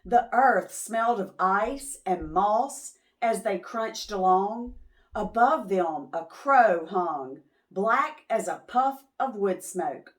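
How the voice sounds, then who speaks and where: A woman reading a picture book expressively to preschoolers, pausing to question and explain. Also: mid-range voice, expressive. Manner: pauses to question and explain to young listeners. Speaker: children's storytime host.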